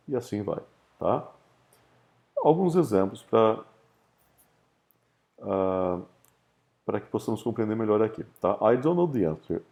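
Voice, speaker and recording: Gravelly low-voiced Brazilian teacher. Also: male voice, warm tone. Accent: Brazilian Portuguese. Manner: explains in Portuguese, reads English examples slowly and clearly; ends points with a checking "tá?". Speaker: English teacher. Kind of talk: recorded grammar lesson.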